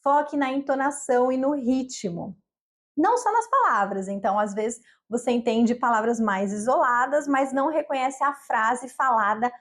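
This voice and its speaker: Woman, from Brazil, English teacher, high voice, upbeat, conversational lesson. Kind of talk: direct-to-camera lesson.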